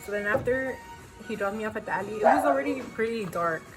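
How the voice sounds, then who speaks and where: A woman's voice: a little high, animated, quick pace, poor audio. A young woman telling a personal story on her channel in a casual, slangy way, with many fillers. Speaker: YouTuber. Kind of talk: storytime vlog. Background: background music.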